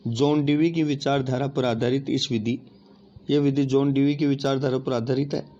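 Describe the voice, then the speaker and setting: A man's voice: medium pitch, fairly even intonation, normal speed, warm tone. Hindi-speaking male teacher, lo-fi audio. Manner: addresses listeners as friends, asks and answers his own questions. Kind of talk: exam-prep lecture. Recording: dull lo-fi audio with faint noise.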